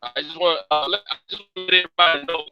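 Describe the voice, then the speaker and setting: Male co-host calling in over a glitchy, dull line that keeps cutting out; bright, halting delivery. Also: on the high side, steady tone, faint music behind. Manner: halting, many fillers and restarts. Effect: choppy call audio cutting in and out. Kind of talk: casual sports chat.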